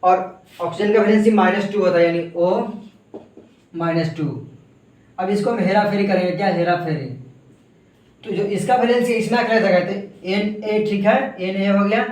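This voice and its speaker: A man with a fairly high voice delivers a chemistry lesson, walking through examples one step at a time. He keeps firing rhetorical questions at his students and answering them himself. The mic sits away from him in a roomy, echoing space. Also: steady tone, normal speed, long pauses, a little mellow. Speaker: chemistry teacher. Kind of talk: classroom lecture. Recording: echoey room, voice from a distance.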